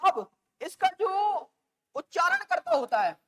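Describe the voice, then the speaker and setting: A woman teacher lecturing a class, repeating and dictating key terms slowly and addressing the students affectionately. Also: very high voice, wildly swooping pitch, a bit bright. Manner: calls students "beta" and "bachche".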